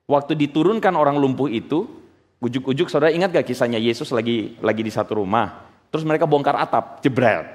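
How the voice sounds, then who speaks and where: A man preaching a sermon in an animated way, full of rhetorical questions and casual slang, in a church hall. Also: medium pitch, brisk. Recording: long hall reverb.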